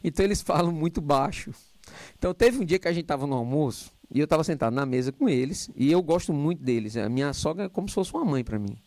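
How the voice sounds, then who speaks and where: Middle-aged man, spiritist lecture, loud and jokey, handheld mic, fairly high voice, dry sound. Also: fast, no echo. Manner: loud, animated, joking asides. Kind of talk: lecture to a live audience. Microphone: handheld microphone.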